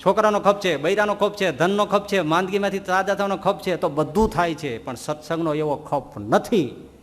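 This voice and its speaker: A man preaching a sermon, telling animated stories and asking rhetorical questions. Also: high voice, normal speed, in a large hall. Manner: animated storytelling, rhetorical questions, voices quoted figures. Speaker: Swaminarayan preacher.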